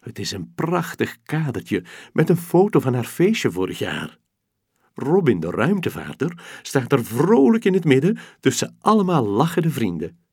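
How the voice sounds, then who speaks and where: A man narrating a children's bedtime story slowly and expressively. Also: medium pitch, vocal fry, slightly rough, no echo, studio quality. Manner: slow, expressive, gentle storytelling.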